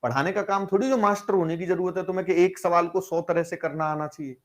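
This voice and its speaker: A man's voice: high voice, quick pace. A man teaching an algebra class online, working through problems step by step, asking rhetorical questions and urging students to reply. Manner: coaxing, keeps calling students brother and asking them to reply. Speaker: maths teacher.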